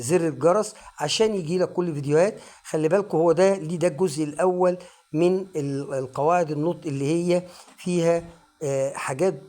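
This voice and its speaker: A man with an Egyptian Arabic accent teaching English pronunciation online, repeating each word slowly and giving its meaning. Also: fairly high pitch, darkish tone. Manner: slow drilled word-by-word repetition. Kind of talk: online phonics lesson.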